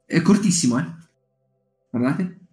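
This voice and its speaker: A man's voice: a little high, expressive, unhurried, dark tone, faint music behind. A man hosting a casual live stream, recommending short stories and chatting with his audience, with lots of fillers and restarts. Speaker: streamer leading a writing group. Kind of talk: casual live-stream chat with book reading.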